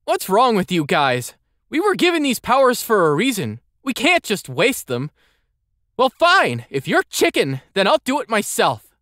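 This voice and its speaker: Guy doing a squeaky hyped-up kid, bossy and boastful, swoops all over. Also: measured pace, no room sound, clean studio sound, full character voice. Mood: defiant. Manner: excitable, shrill when thrilled. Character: eager boastful young boy hero.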